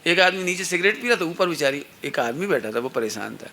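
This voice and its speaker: Middle-aged male spiritual teacher, high bright voice, anecdotal and playful, faint room ambience behind. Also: lively intonation, brisk, a little hiss or hum. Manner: anecdotal, playfully acts out quoted people. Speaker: religious teacher. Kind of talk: satsang discourse to children and parents.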